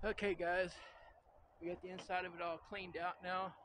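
An older man hosts a casual how-to vlog outdoors in the wind, speaking at a moderate pace in a slightly high voice. He's easygoing, says "really, really" repeatedly, and uses many "uh" fillers. He wears a clip-on mic that picks up wind noise, with the camera on a tripod and handheld.

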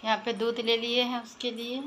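Woman, fairly high voice, casual home vlog, phone at arm's length, faint room noise. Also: monotone, normal speed. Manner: chatty, talks to her children between remarks. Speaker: vlogger. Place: home kitchen and bedrooms, indoors. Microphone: phone held at arm's length.

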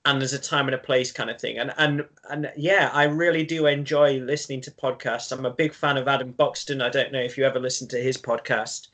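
A man's voice: mid-range voice, fairly even intonation, brisk, few pauses, a bit bright. A man who is a secondary school teacher, talking as a guest in a casual conversation, thoughtful and self-deprecating, repeating words as he thinks.

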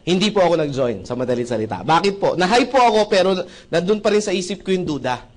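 High-voiced Filipino man telling his story. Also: sing-song, quick pace. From Philippines. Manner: storytelling, asks the audience for agreement. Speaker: presenter. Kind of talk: testimonial seminar talk.

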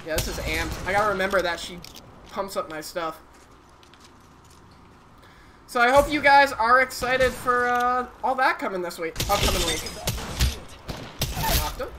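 A woman streamer giving casual live commentary while gaming, chatty, excitable and swearing freely. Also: medium pitch, unhurried, long pauses, noisy background. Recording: game sounds clearly behind voice.

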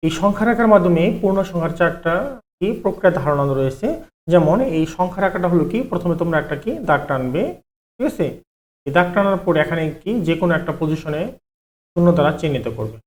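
A man's voice: on the high side, quick pace. A man, teaching an online math lesson step by step, asking questions and then answering them himself. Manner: explains step by step, asks and answers his own questions, repeats "ঠিক আছে".

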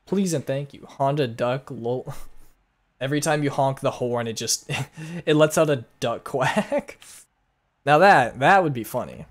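A man's voice: mid-range voice, measured pace. A young man streaming a game, chatting playfully with his viewers, humming little tunes and reading chat aloud. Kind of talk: live gameplay commentary. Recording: faint music behind.

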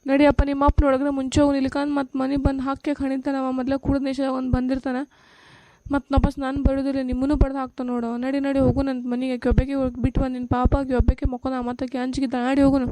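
A woman's voice: high-pitched, completely flat delivery, rapid-fire, mellow, dry recording. A woman voicing a worn-out village mother with a North Karnataka Kannada accent, pleading and scolding about her drinking husband in a cartoon. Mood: worried. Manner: pleading, scolding, weary complaint. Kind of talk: cartoon voice acting.

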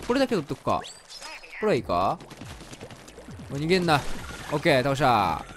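A man with a Kansai accent giving chatty, excitable commentary while playing a video game. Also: mid-range voice, brisk, a little hiss or hum. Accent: Kansai Japanese. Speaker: game streamer. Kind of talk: let's play commentary. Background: faint game music.

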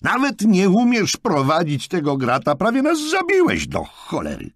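A man's voice: on the low side, a little fast, no room sound, clean studio sound, pitched above the performer's own voice, close to an everyday voice. A man voicing an irritable, bossy chef and father in an audiobook, snapping and exasperated. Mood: angry.

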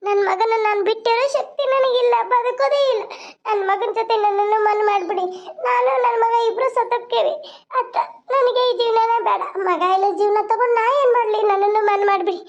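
A woman voicing a grieving young mother with a North Karnataka Kannada accent, mourning her newborn in a pleading lament. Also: very high voice. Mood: desperate. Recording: dull lo-fi sound.

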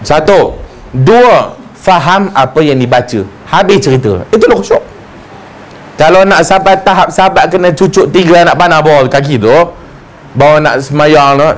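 A man giving a lively, joking religious lecture and acting out the voices he quotes. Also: fairly high pitch. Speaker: religious teacher. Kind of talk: humorous mosque lecture.

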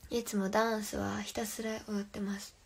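Playful young woman with vocal fry. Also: mid-range voice, level tone, moderate pace. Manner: reads viewer comments aloud and replies playfully, often drops to a whisper. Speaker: livestream host. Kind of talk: casual livestream chat. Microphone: phone.

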